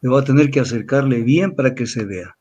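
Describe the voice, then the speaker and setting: A man's voice: medium pitch, brisk, a little mellow, slightly rough, highs cut off. An older man from Ecuador giving a lecturing weekly commentary, repeating himself and spelling out letters. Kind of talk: weekly analysis talk.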